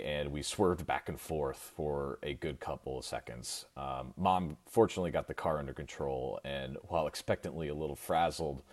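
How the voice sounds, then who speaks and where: A man from the US Midwest telling a personal story on a podcast, wry and chuckling at his own tale. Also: rumbling low.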